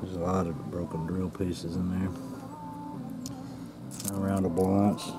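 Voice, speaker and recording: Filming his finds on a handheld camera near the ground outside, a folksy, plainspoken man gives casual show-and-tell commentary in short, musing phrases. He speaks slowly in a low, level voice, and a radio plays music behind him.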